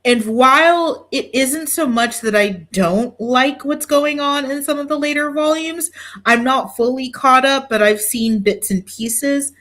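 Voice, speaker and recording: A woman's voice: high-pitched, unhurried, fairly bright tone. A woman hosting a podcast in casual chat, swearing freely and poking fun at herself with dramatic exaggeration. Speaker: podcast host.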